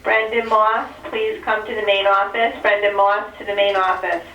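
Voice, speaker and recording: A woman reading announcements and names over a school intercom loudspeaker in a flat, measured way. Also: mid-range voice, highs cut off. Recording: echoey distant loudspeaker, background noise.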